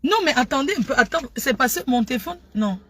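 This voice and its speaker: Loud, animated woman live-streaming. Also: sits high, fast talker, husky. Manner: loud, animated and scattered, full of restarts. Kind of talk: casual live-stream chat. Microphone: phone.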